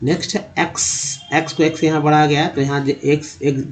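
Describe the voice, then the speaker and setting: Teaching English reading in Hindi, a man spells words out letter by letter and sounds them out slowly, addressing his viewers as friends. His voice sits on the high side with a level tone.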